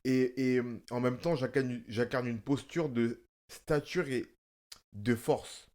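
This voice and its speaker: A man's voice: mid-range voice, steady tone, slow, darkish tone. A man with a lisp and slushy s sounds, explaining things emphatically in casual interview conversation, repeating himself and often checking that the listener follows. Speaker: stage actor, guest.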